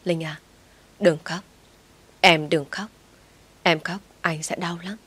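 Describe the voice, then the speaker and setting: A woman voicing a dying man's gentle murmur. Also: on the low side, steady tone, takes it slowly, husky, full character voice. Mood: tender. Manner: weak, breathless murmur. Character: dying young man, gentle and tender.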